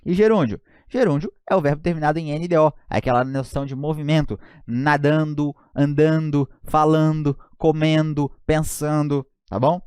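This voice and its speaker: A man's voice: fairly high pitch, fairly even intonation, moderate pace, few pauses, a little mellow, clean tone, no echo, clean studio sound. A man with a Brazilian Portuguese accent teaching an online grammar lesson, joking and often checking in with his students.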